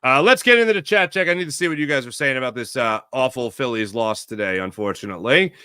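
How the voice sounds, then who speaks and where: A man hosting a casual sports podcast, reading viewer chat with sarcastic, animated commentary. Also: fast talker, clear, resonant tone, no echo, clean studio sound. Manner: reads ad copy with big pitch swings. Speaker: podcast host.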